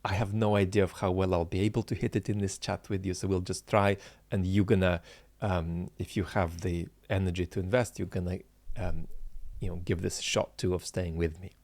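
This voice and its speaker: Hosting his channel, a man in his forties who is a political philosopher speaks off the cuff to viewers, halting often with fillers and restarts but earnestly emphasizing what matters. His low, slightly mellow voice has a flat delivery, and there's no echo.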